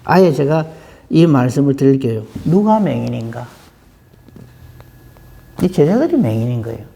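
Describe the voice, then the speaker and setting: A woman's voice: a bass voice, big pitch swings, normal speed, dark tone, long reverb tail. A woman pastor giving an early-morning sermon, asking rhetorical questions and acting out quotes.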